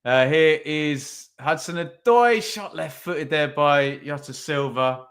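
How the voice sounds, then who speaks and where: A man's voice: on the high side, slow pace, fairly bright tone. A man hosting a podcast, giving casual live watch-along commentary on a football match, chatty and thinking aloud with tag questions. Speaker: podcast host.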